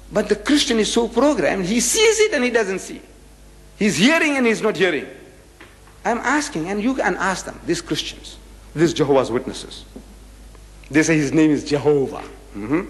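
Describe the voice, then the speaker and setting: An older man giving a public religious lecture, emphatic and lively, repeating and acting out phrases as he argues. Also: high voice, big-room sound.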